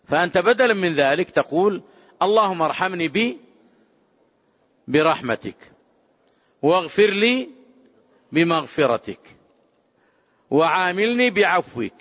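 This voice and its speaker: A man giving a religious lesson as a scholar, speaking emphatically and slowing down to quote prayers. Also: high-pitched, very animated. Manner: emphatic, rising to forceful exclamations; measured, drawn-out quoting of prayers. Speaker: Islamic scholar teaching. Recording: dull lo-fi sound with long hall reverb.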